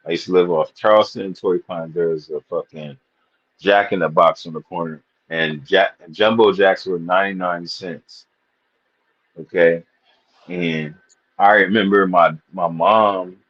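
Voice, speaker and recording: A man's voice: sits low, husky. A man from Missouri talking in a casual live panel chat, rambling and loose as he tells stories. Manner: rambling storyteller, loose and profane. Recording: dull lo-fi stream audio.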